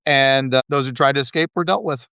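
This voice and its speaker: A man's voice: medium pitch, brisk, bright, forceful tone, clear, resonant tone, no echo, clean studio sound. A man hosting a podcast, telling history in a rambling, casual way with frequent laughs. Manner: rambling, laughs often, fillers. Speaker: podcast host.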